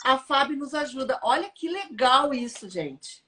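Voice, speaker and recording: A woman hosting a casual chat, talking quickly with frequent asides to her audience. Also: high-pitched, lively intonation, bright, forceful tone. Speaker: host.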